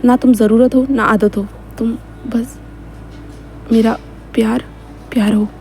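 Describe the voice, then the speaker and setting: A woman voicing a confident, teasing young male teacher who asks soft, coaxing questions. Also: a little high, steady tone, a little slow, soft background music.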